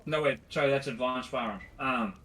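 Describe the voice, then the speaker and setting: A man playing a tabletop game in casual chat, thinking out loud. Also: mid-range voice, a little fast, husky, poor audio. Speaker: player.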